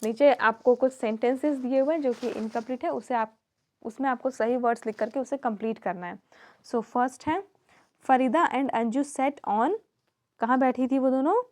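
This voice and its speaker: A young woman teaching young children, slowly reading English sentences and then explaining them in Hindi. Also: on the high side, a little mellow. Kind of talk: explaining a textbook lesson to children.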